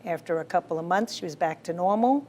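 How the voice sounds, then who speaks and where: A woman doctor answers interview questions in a somewhat low voice. She explains her cases with steady confidence and keeps affirming with a quick "right.". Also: a little hiss or hum. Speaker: physician, guest.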